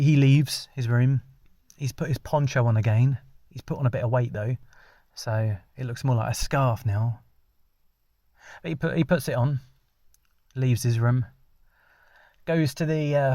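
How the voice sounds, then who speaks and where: Male storyteller, deadpan ad-lib narration, mid pitch, dry close-miked sound. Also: no echo. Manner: rambling, deadpan, many restarts. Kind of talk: ad-libbed comic storytelling.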